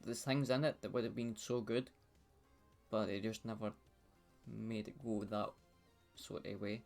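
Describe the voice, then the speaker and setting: A man's voice: on the low side, steady tone, measured pace, gravelly, a little mellow, soft background music. A Scottish man hosting a podcast, chatting casually over a video call in a blunt, sweary, laid-back way. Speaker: podcast host. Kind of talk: casual chat. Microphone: webcam video call.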